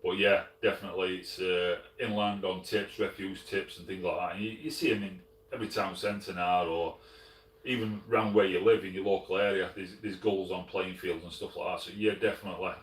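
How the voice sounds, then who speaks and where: A middle-aged man with a Sheffield Yorkshire accent, casually answering live chat as host, relaxed and full of fillers and restarts. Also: low-pitched, fairly quick, distant mic. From Sheffield, England. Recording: roomy, from off the mic.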